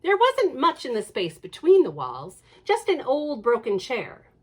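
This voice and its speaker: Reading a picture book to children at storytime, this woman librarian takes her time, her high voice carrying a slight roughness. She performs expressively and often pauses to chat with the kids.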